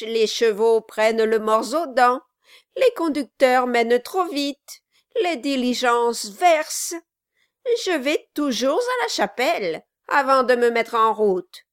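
A woman reading aloud, voicing a sly male dwarf villain who swings between mock courtesy and high-pitched cries. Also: smooth. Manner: shifting high and low, falsely courteous. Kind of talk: audiobook reading.

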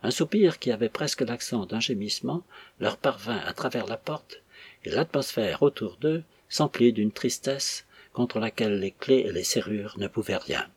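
Husky male audiobook narrator. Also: on the low side, expressive, normal speed, no room sound.

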